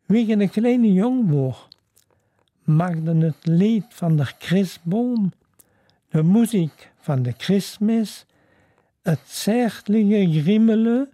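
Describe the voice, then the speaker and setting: A slow, measured storybook reading with a very dark, mellow tone. The voice is calm and reflective, recorded close and dry with no room sound. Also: medium pitch, no room sound. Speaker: narrator of a storybook.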